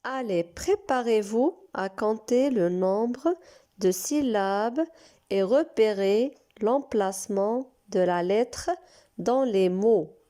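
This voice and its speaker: A woman teaching a reading lesson to young children, speaking slowly and encouragingly and praising them often. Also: medium pitch, mellow. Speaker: preschool teacher.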